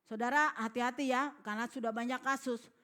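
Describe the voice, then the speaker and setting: A woman's voice: on the high side, fairly even intonation, fairly quick, sharp tone. A middle-aged woman pastor, preaching a sermon. She tells stories, acts out the voices in them and asks the congregation for responses. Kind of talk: sermon with storytelling. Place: church hall.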